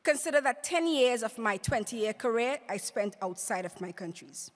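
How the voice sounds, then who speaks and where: A woman's voice: a little high, animated, moderate pace. A middle-aged woman delivering a prepared, rousing speech at a podium microphone in a conference hall. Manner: rhetorical, rousing, paced with emphatic lists. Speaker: award speaker. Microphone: podium mic on stand.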